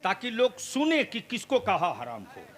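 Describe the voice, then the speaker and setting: A man preaching a fiery sermon at an outdoor gathering, questioning the crowd and rising into shouts. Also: high-pitched, wildly swooping pitch, measured pace. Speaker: Islamic preacher.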